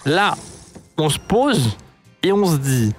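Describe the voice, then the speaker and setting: Casting note: French male gaming YouTuber, fairly high voice, excitable and mock-outraged, light music under his desk-mic commentary. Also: slow, breathy edge. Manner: animated, exclaiming, mock-outraged. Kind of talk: pack opening commentary.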